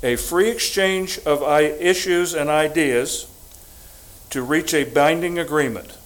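Older man, formal public statement, fairly high voice, deliberate and emphatic. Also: poor audio. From United States. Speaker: public commenter at school board meeting.

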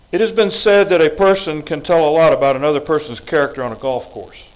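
A man's voice: fairly high pitch, rough recording. Older man giving a formal public address. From United States. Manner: formal, deliberate, emphatic. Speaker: public commenter at school board meeting. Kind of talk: prepared public statement.

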